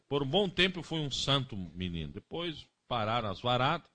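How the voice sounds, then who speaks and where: Animated bright-voiced male preacher. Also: medium pitch. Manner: folksy storytelling with acted quotes; frequent "né?" tag questions. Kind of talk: sermon.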